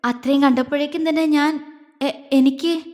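A woman voicing a tender young husband who speaks softly, stammering and halting. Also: high voice, steady tone, long reverb tail, lightly acted. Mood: trembling tender.

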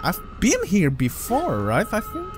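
An excitable man narrates his own horror game run, his voice swinging widely between mutters and startled yelps. He talks to himself the whole way, with game music playing under him. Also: high voice, measured pace. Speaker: gameplay commentator. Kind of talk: let's play commentary. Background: game music and sound.

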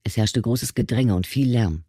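A man reading a novel aloud with steady, measured narration. His voice is mellow and warm, recorded dry and close with no room sound. Pitch sits in an ordinary middle range. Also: slightly rough, dry recording. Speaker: audiobook narrator. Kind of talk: scripted narration.

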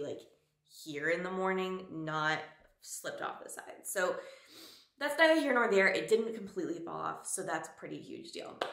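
A woman's voice: on the low side, fairly bright tone. A woman vlogger chatting casually through a product review, full of fillers and an occasional whisper. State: morning voice. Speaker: beauty vlogger. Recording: echoey room.

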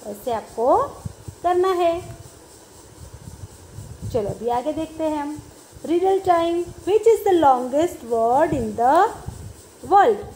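Indian woman, young teacher, high voice; drills English words slowly in Hindi. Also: a little mellow, slight background noise. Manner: repeats words slowly and asks the class questions. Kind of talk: English lesson explained in Hindi.

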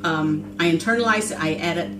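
A woman's voice: low voice, brisk, far from the mic, music in the background. A woman in her forties talking earnestly in a personal diary vlog, reflective and full of ums and restarts. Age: 40s. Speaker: vlogger keeping a weight-loss diary. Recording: roomy echo with steady background ambience.

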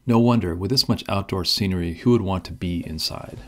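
A man giving calm, scripted narration for a sailing travel vlog. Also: low voice, brisk, over music.

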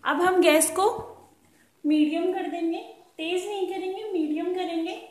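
A woman with a high voice calmly demonstrates a recipe at her home stove, patiently repeating each tip for her viewers. The kitchen sounds roomy, with pans clinking behind her. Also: measured pace. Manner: calm, patient instructional talk, repeats tips. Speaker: cooking channel host. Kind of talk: step-by-step cooking demonstration.

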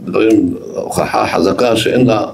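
A man with an Israeli accent teaching a Torah lesson to a yeshiva class, emphatic and repetitive, growing loud and excited as he tells stories. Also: on the low side, gravelly, slight background noise.

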